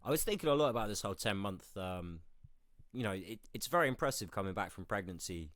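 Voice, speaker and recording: A man's voice: lowish voice, expressive, fast, fairly bright tone, no room sound, clean studio sound. A hungover man co-hosting a casual sports talk, groping for words and swearing freely. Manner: sweary, informal. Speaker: podcast co-host.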